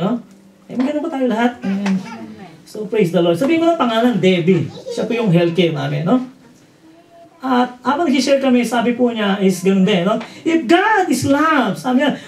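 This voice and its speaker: A man's voice: high voice, a little mellow. A man with a Filipino accent preaching a sermon as pastor, mixing in English and often asking "Amen?" and "no?". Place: church hall. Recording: roomy hall audio from a distance.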